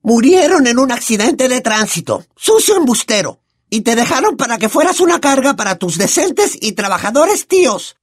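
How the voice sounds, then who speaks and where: A man voicing a drunk, cruel, loud older aunt with a Latin American Spanish accent, shrill and sneering. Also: sing-song, measured pace, dry recording, clean studio sound, exaggerated voice. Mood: furious.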